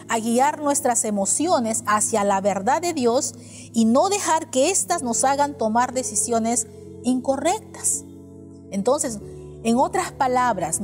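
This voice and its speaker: High-voiced woman preaching in a reverberant hall. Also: a little mellow. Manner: earnest, rhetorical questions to the congregation. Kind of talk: sermon.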